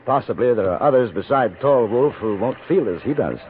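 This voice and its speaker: An actor playing a composed, wry English former cavalry captain, measured and articulate, in a 1950s radio drama with a British accent. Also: male voice, medium pitch, expressive, narrow, tinny audio, slight background noise, lightly acted. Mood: wary, calm. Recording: band-limited vintage radio recording with music.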